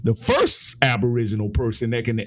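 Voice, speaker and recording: A man's voice: fairly even intonation, fairly quick, soft background music. A man giving heated, emphatic political commentary, his voice climbing as he argues. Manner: impassioned, emphatic, rises in pitch when ranting.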